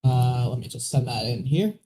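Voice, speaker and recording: A man's voice: medium pitch, expressive, normal speed, dark tone. A man co-hosting a weather livestream with casual, conversational live commentary and plain explanations.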